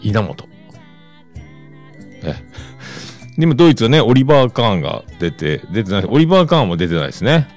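A man's voice: on the low side, big pitch swings, fairly quick, long pauses, darkish tone, faint music behind. A man in his fifties with a Kansai accent, hosting a podcast in casual solo chat, rambling along with loose asides. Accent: Kansai Japanese. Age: 50s. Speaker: podcast host.

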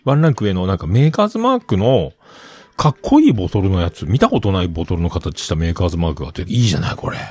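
A man's voice: low-pitched, a little mellow, husky, no room sound. A middle-aged man casually rambling through a personal story, acting out the bits he quotes. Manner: chatty storyteller who acts out quoted bits.

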